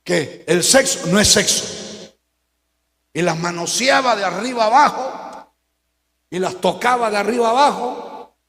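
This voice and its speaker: A man preaching a fiery sermon in a high, ringing voice. He drops to a hush, then rises to shouted warnings. The echoey hall holds a long reverb on every phrase. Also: unhurried, pauses often. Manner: preaching with swings from hushed to shouted. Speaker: pastor.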